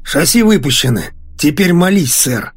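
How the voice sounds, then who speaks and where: Guy doing a high squawky pilot, flustered and grumbly, voice jumps all over, bit husky. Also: sing-song, normal speed, a little mellow, faint music behind, heavily acted. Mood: grumbling. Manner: high-pitched, exclaiming, grumbling. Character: flustered mustached middle-aged airline captain.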